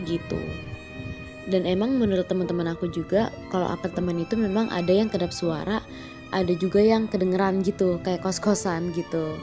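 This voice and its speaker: Low-voiced woman with a soft, lisped R. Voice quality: cannot roll her R sounds, a lisp-like R. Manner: chatty, addresses listeners as guys, English words mixed in. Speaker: horror story channel host. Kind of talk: casual scripted-feel horror storytelling. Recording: voice over background music. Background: music.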